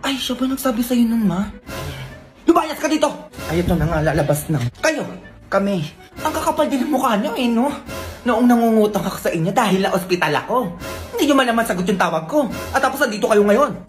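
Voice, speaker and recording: A woman performing comic family skits, switching quickly between bickering characters. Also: on the high side, expressive, music in the background. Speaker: comedy sketch creator.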